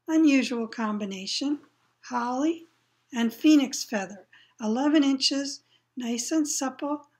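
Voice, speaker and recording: A woman voicing an eccentric old male wandmaker, fussy and eerie, moving from low murmurs to excited cries. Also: unhurried. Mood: brisk, eager.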